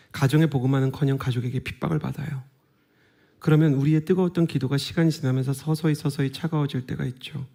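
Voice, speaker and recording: Mellow-voiced man preaching earnestly. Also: mid-range voice. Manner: earnest, conversational preaching with soft whispered asides. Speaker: guest pastor. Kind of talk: revival sermon. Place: church sanctuary.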